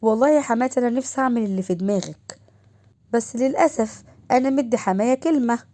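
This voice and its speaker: A teasing, boastful young husband with an Egyptian accent, as a woman storyteller puts him on. He coaxes and jokes in a slightly lowered, mellow tone. A storybook narration. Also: quick pace, natural voice. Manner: teasing, coaxing.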